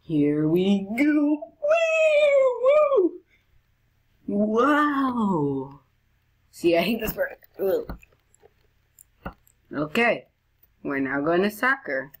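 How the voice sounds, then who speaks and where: Brief: woman, low pitch, let's play commentary, chatty with sudden high squeals. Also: very animated, takes it slowly, long pauses. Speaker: gamer.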